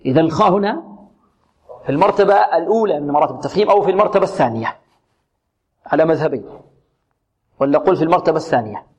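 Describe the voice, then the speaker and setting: A man teaching Quran recitation rules, who asks his students questions and answers them himself, and repeats letters and words slowly and drawn out as examples. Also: a little high, lively intonation, breathy edge. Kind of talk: tajweed lesson with recited examples.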